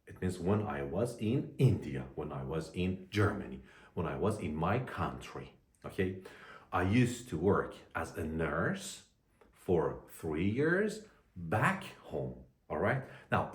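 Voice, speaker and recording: A man teaching an English lesson to learners, speaking deliberately and repeating phrases for them to copy. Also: sits low. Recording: echoey room.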